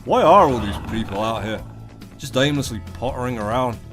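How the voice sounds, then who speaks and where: A man's voice: mid-range voice, fairly even intonation, a little fast, a bit bright. Theatrical British man with irreverent gaming patter. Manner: theatrical, irreverent, mock-grandiose with sudden exclamations. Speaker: gaming video host. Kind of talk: comedic game commentary, profane and colloquial. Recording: voice over a music bed. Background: music.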